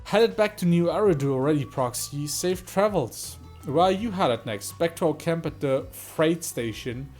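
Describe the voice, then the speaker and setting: A man's voice: fairly high pitch, expressive, normal speed, few pauses, a little mellow, faint music behind. A man voicing a cheerful, bubbly young female biker in a game, with a nasal voice. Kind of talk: reading game dialogue aloud.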